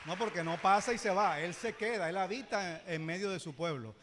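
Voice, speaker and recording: A man with a high voice leads a church Bible lesson, breaking into playful asides and asking his listeners questions. His voice rings out with a long reverb around the church, with a faint hiss beneath it. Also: a little fast. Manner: lively, joking asides and rhetorical questions. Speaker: Sunday school teacher.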